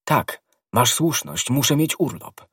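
A man's voice: medium pitch, big pitch swings, slow, a bit bright, breathy edge, dry recording, clean studio sound, pitched above the performer's own voice, exaggerated voice. A man doing an ardent young guardsman. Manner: ardent, impulsive. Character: bold, hot-headed young male guardsman.

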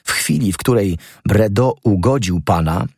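A man's voice: lowish voice, expressive, normal speed, gravelly, darkish tone, breathy edge, no echo, clean studio sound, full character voice. A man voicing a cold, commanding male master thief in an audiobook reading, speaking sternly and threateningly. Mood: insistent.

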